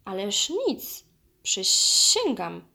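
A woman voicing a sly python that hisses and croons slowly, with a strange altered tone. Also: mid-range voice, big pitch swings, creaky, pushed and bright, heavily acted. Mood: fawning. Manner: drawn-out, crooning and coaxing. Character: slow hissing sly python snake.

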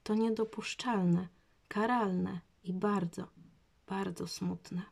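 A woman voicing a gentle, caring mother in a children's audiobook, talking softly, slowly and comfortingly. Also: mid-range voice, fairly even intonation, vocal fry. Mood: sad.

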